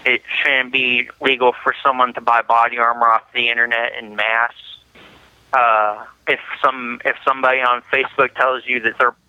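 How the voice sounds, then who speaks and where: A young man talking on a prison payphone line, in a flat, halting way with restarts. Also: mid-range voice, clean tone, no echo. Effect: prison payphone call line. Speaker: prison inmate. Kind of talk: interview over a prison phone. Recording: muffled prison phone line.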